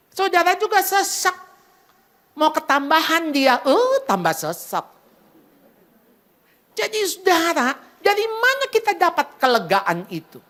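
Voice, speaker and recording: This is a Christmas sermon by a middle-aged women's ministry speaker in a packed church hall. She addresses the crowd as "saudara", mixes in English phrases, and animatedly dramatizes inner voices and prayers with large pitch swings.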